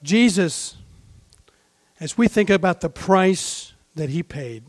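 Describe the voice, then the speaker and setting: A man with a notably high voice preaches a sermon in an unhurried, deliberate way. He talks fervently, asks rhetorical questions and drops to a hush before rising again. The sound is close and dry. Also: lively intonation, dry recording. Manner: fervent, rhetorical questions, swings between hushed and raised.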